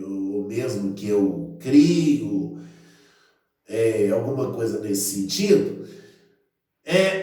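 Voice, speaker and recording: A man teaching a grammar lesson online, explaining slowly with frequent fillers and restarts. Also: mid-range voice, recorded from a distance. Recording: very echoey room, voice a bit off-mic.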